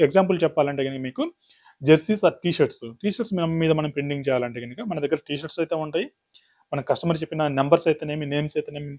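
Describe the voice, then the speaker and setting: A man's voice: a little high, a little mellow. A man presenting a product demonstration, explaining the steps one by one. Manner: rapid explanatory, lists items step by step. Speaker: business demo presenter.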